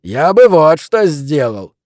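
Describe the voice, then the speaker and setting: A brash con man taunts and gloats in a raised, mellow voice, as a male audiobook reader puts him on. The recording is close and dry. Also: on the high side, big pitch swings, slow pace, no room sound. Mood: mocking, gloating. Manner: mocking, loud, gloating.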